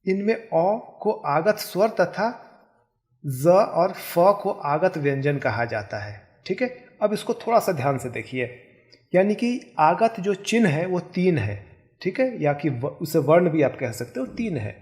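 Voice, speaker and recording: A man's voice: fairly high pitch, sing-song, measured pace, a little mellow. A man teaching a Hindi grammar lesson, patiently spelling out sounds and example words one at a time.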